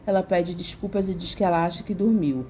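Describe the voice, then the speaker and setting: A woman with a Brazilian Portuguese accent narrating a soap opera recap in a steady, even reading. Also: on the low side, brisk, a little hiss or hum. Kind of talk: scripted narration. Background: faint music.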